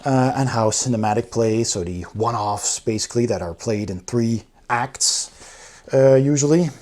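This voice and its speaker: A board game reviewer gives a casual, unscripted review, explaining things informally and enthusiastically. His mid-range voice is a little mellow and moves at a moderate pace.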